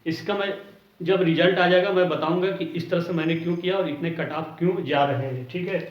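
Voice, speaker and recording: Recorded lo-fi and dull on a distant mic in a roomy space, a man teaches an informal explanatory exam-coaching lesson at a fairly quick pace. His voice is on the high side, and he keeps checking in with short tag words.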